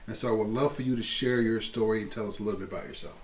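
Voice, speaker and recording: A man hosting a podcast interview, asking questions with halting repeats. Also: lowish voice, fairly even intonation, reverberant, recorded from a distance, slight background noise. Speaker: podcast host.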